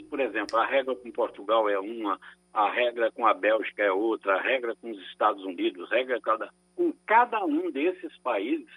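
A man, a lawyer on a Brazilian radio call-in show, answering listener questions in a measured, explanatory way with frequent tag questions. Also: medium pitch, husky, phone-quality sound. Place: radio studio.

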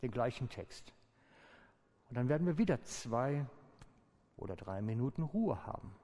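A man preaching a sermon as pastor, calm and inviting, slowing down with deliberate pauses. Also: mid-range voice. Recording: long church-hall reverb.

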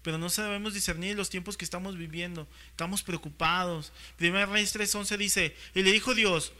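A man's voice: high-pitched, fairly even intonation, a little fast, bright, forceful tone. A man preaching a sermon, often checking in with the congregation and acting out quotes in playful voices. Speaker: pastor.

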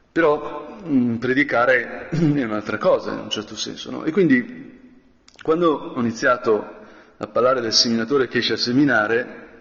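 A man, a priest, giving a conversational spoken meditation, often clearing his throat and adding a questioning tag to his sentences. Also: mid-range voice, fairly bright tone. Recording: dull lo-fi sound with long reverb.

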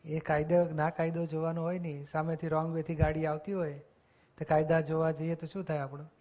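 A man's voice: fairly high pitch, level tone, a little fast. A man giving an earnest spiritual discourse, explaining teachings and acting out short quoted exchanges. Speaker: spiritual discussion speaker. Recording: dull lo-fi recording.

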